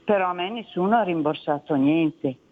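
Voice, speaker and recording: A woman's voice: fairly low pitch, moderate pace. A woman from Milan calling in to a radio talk show over the phone, insistently complaining and talking over the guest. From Milan, Italy. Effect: heard over a phone line. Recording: tinny phone line.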